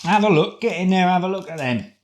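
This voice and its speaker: A man with a British accent giving a casual product review in a chatty, deliberate way, often posing rhetorical questions. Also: sits high, lively intonation, a little hiss or hum. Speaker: food review vlogger.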